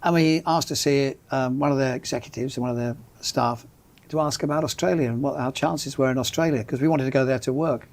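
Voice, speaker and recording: A man's voice: medium pitch, fairly quick. An older man with an English accent, a journalist guest in a studio interview, telling stories in a genial, dryly humorous way. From England. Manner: genial storyteller, dry humor. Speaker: guest, magazine founder and journalist. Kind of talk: casual interview chat.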